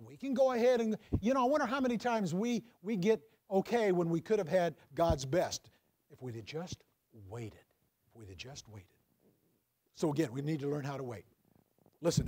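A man's voice: fairly high pitch, a little mellow. A man teaching a class, repeating phrases for emphasis, asking students questions and dropping to a near whisper on key points. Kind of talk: classroom lecture with faith-based teaching.

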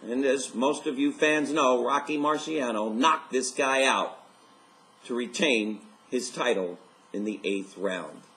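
A man's voice: medium pitch, slow, fairly bright tone. A man in his fifties, a life coach hosting a motivational video message, speaking upbeat and enthusiastic straight to camera from his living room.

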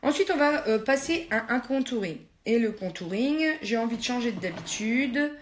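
A woman's voice: fairly high pitch, expressive, moderate pace, a little hiss or hum. Chatty woman doing a makeup vlog. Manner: chatty, hesitant with many fillers, self-mocking asides to viewers. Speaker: beauty vlogger. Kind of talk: casual get-ready-with-me makeup chat.

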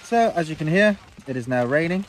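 An English man in his forties vlogs from inside a small tent on open moorland, holding his phone camera close. His voice sits on the high side and sounds animated as he rambles upbeat and a little fast, full of ums and fillers. There's slight background noise.

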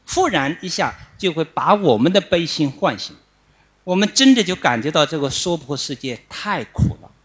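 Middle-aged male monk, dharma talk on chanting, high bright voice, husky. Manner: animated, explanatory, with frequent "ah" fillers. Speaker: Buddhist monk teaching chanting.

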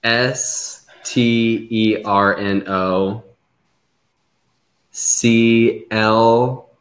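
A man's voice: medium pitch, fairly even intonation, very slow, a bit bright, low-quality recording. A man hosting a casual live stream, playful and laughing often. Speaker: host.

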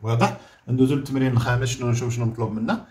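A man with a Moroccan Arabic accent explains a grammar lesson like a teacher at the board, checking with the class and drawing out each word slowly so it can be written down. His voice sits at an ordinary middle pitch, and the recording carries a clear room echo. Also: steady tone, a little mellow. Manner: explains with questions, repeats words slowly for dictation. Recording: echoey room.

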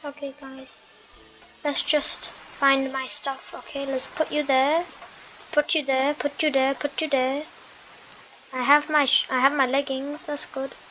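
A woman giving chatty, excitable commentary while playing a computer game, often apologizing to her viewers. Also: high voice, a little slow, highs cut off, slight background noise. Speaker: gaming video host. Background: game music.

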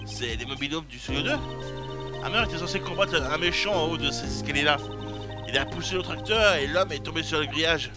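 A man voicing a tired, resigned old male actor who confesses haltingly, read aloud by a gamer. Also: fairly high pitch, over music, natural voice. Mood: reluctant.

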